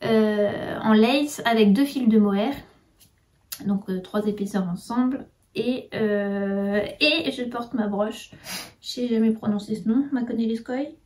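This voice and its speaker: Woman, podcast co-host; fairly high voice, hesitant and rambling, a bit off-mic. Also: unhurried, a little mellow, distant mic. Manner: hesitant, many fillers and trailing off. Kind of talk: casual chat.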